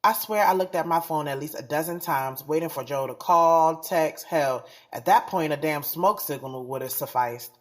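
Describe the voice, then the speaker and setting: In an audio drama, a woman with a low voice plays a frank, sassy young woman, giving first-person narration and dialogue about her love life. She speaks at normal speed with few pauses and light acting, sounding candid, slangy and confessional.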